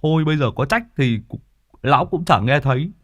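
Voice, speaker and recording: A man voicing a heavyset, blunt, impatient middle-aged man who speaks briskly. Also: on the high side, animated, a bit bright, no echo, pitched above the performer's own voice.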